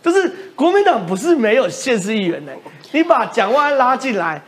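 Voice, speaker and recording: A man's voice: very high-pitched, sing-song, fairly quick. A man with a Taiwanese Mandarin accent hosting a political talk show, arguing point by point with emphatic rhetorical questions. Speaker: host.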